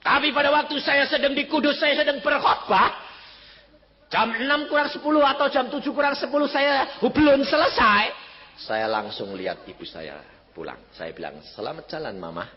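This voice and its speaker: A man's voice: very high-pitched, animated, moderate pace. Dramatic male pastor in a reverberant hall. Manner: dramatic, swinging from shouts to near-whispers. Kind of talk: sermon with personal storytelling. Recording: reverberant hall, slightly dull sound.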